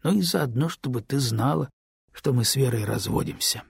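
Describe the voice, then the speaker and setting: A man doing a dejected man in an audiobook, talking low and held back to an old friend. The voice is gravelly with vocal fry and very husky, close and dry. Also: expressive, no echo, exaggerated voice. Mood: subdued. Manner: low, subdued, measured. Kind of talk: audiobook character reading.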